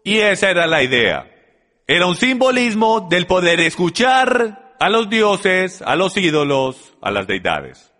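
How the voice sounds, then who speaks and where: A man with a high voice gives an emphatic Bible-teaching sermon and calls out to his listeners as friends. His voice rings with a long hall reverb. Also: big pitch swings, measured pace, sharp tone. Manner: emphatic, addresses the audience directly.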